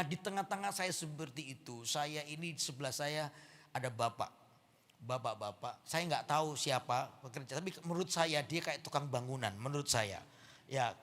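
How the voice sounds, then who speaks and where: A male pastor with an East Javanese Indonesian accent, telling a humorous story in a sermon and acting out the voices of the people in it. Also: on the high side. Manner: animated, acts out voices and shouts in anecdotes. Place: church sanctuary.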